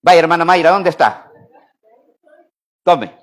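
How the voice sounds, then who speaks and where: A Salvadoran man preaching a sermon, calling on the congregation to repeat after him and swinging between loud emphasis and quiet asides. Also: fairly high pitch, animated, takes it slowly. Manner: call-and-response preaching, asks congregation to repeat. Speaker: pastor.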